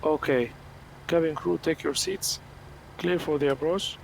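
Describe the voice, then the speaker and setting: A man voicing a calm airline co-pilot in a flight simulator, giving clipped checklist and radio callouts that sound distant, like a cockpit headset feed. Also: a little high, measured pace, gravelly, a little hiss or hum. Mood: matter-of-fact. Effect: cockpit callouts played from the flight simulator, sounding distant like a headset feed.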